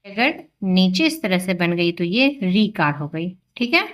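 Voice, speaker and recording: A woman teaching the Hindi alphabet to children, explaining patiently and reciting the syllables loudly and slowly. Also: on the low side, big pitch swings. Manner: slow, patient, drawn-out syllables, raises voice when reciting letters.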